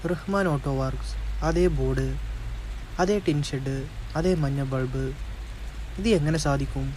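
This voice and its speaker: A man's voice: on the high side, darkish tone, slight background noise, low-quality recording. Man narrating a suspenseful horror story. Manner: slow, suspenseful, dramatic.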